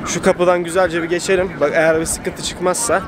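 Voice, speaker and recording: A man's voice: sits high, level tone, a little fast. A man in his twenties talking casually to a handheld camera as he vlogs outdoors. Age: 20s. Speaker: vlogger. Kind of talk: casual vlog narration to camera. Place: outdoors in a busy amusement park. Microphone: handheld camera at arm's length. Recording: outdoor ambient noise from park.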